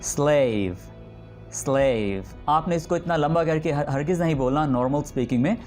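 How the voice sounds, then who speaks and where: A man teaching English pronunciation. He explains patiently and says each example word slowly and drawn out, often stopping to check in with the learner. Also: on the high side, fairly even intonation, soft background music. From Pakistan. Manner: drawn-out demonstration words repeated slowly. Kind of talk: spoken language lesson.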